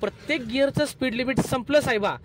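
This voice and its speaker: Guy teaching driving in city traffic, highish voice, bossy step by step, bit of road noise. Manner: instructive, repeats steps, brisk commands. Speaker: driving instructor. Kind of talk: in-car driving lesson vlog. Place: inside a car in city traffic.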